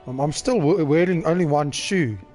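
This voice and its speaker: A man's voice: fairly high pitch, moderate pace, a little mellow, soft background music. Chatty man thinking aloud while gaming. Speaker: streamer. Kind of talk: casual game commentary.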